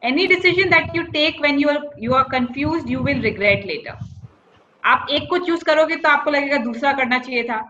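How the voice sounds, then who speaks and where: Racing through informal career tips, an Indian-accented woman who works as a corporate recruiter blends Hindi phrases into her English. Her voice is fairly high, very bright and crisp-edged. The slightly dull, lo-fi audio carries a little background noise.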